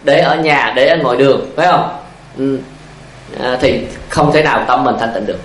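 A man's voice: medium pitch, moderate pace, echoey room, poor audio. A male Buddhist monk giving a dharma talk, asking rhetorical questions and telling stories. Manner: repetitive, asks rhetorical questions, tells stories. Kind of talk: sermon with anecdotes.

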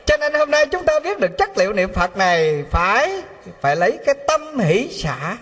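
A man with a Southern Vietnamese accent giving a storytelling Buddhist sermon, animated and full of rhetorical questions to the audience. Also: high voice, moderate pace. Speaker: Buddhist preacher. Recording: long hall reverb.

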